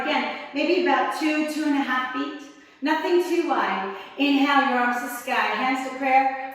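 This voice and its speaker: A woman teaching a yoga class, giving calm, encouraging cues with slightly strained breath as she holds the poses herself. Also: high voice, heavy reverb, long reverb tail, distant mic, rough recording. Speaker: yoga instructor. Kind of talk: guided yoga class instruction.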